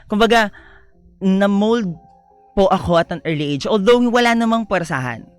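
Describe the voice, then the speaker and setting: A young man speaking as a radio guest, his voice sitting a little higher than most men's. He talks softly and politely, mixing English phrases into his story. Faint music runs underneath. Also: expressive, moderate pace, smooth. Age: young adult. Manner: soft-spoken, polite, mixes English into his speech. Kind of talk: personal storytelling interview.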